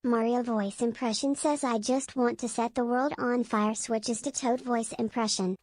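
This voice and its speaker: A woman's voice: a little high, steady tone, normal speed, a little mellow, no echo. Playful young woman teasing a streamer. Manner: playful, prodding. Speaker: friend in the stream chat. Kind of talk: casual teasing chat.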